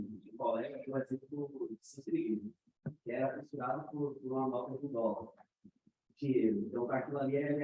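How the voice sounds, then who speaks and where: A young man, a student, asking a hesitant, halting question in a law class. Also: mid-range voice, echoey room, narrow, tinny audio, a little hiss or hum.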